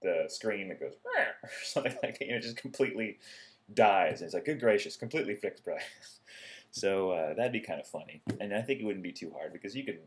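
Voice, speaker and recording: A man with a deep, low voice talks through his feedback on a friend's ideas in a loose, unscripted way. He rambles and hesitates, fills gaps with "um" and "like," and now and then acts out a quick bit of dialogue before carrying on. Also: lively intonation, a little hiss or hum. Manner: rambling, hesitant, many fillers, acts out short bits. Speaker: peer reviewer giving feedback. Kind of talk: casual spoken feedback message.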